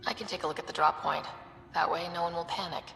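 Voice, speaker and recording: An actress playing a confident, direct young female explorer-leader in a video game, speaking calmly and self-assuredly. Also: fairly low pitch, quick pace, creaky, reverberant, big-room sound, a little hiss or hum, rough recording. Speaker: Pathfinder.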